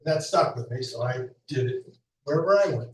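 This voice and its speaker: A man's voice: mid-range voice, expressive, brisk, slight background noise. A man giving an off-the-cuff tribute at a memorial, telling stories in a chatty way with laughs. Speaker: speaker at a memorial. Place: school hall. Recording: echoey hall, mic heard from a distance.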